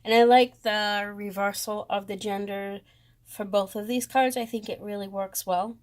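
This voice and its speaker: A woman with a Boston accent, talking slowly through a tarot deck comparison with many pauses and fond praise. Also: mid-range voice, fairly even intonation. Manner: slow, hesitant, lots of ums, gushing. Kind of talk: casual deck walkthrough.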